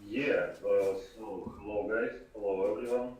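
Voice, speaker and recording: A man with a thick Russian accent explains technical matters informally, in halting, deliberate phrases. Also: fairly low pitch, fairly even intonation, darkish tone. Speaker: remote guest expert. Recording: echoey, distant, dull remote call audio.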